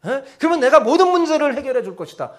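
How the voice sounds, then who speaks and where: A man's voice: very high-pitched, sing-song, pitched above the performer's own voice. A man voicing a stern, commanding master. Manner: slow, loud, stern commands. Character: commanding male teacher rebuking the storm and his followers.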